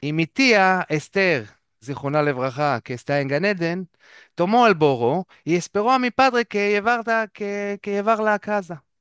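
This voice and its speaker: Halting man telling stories. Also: sits high, fairly bright tone, smooth, dry recording, studio quality. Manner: halting, searches for words, restarts often. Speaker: guest. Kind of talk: casual storytelling.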